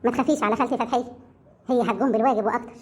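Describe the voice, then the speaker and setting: A woman doing a gentle, lonely young village man. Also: a little high, steady tone, very fast, breathy edge, pitched below the performer's own voice. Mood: tender.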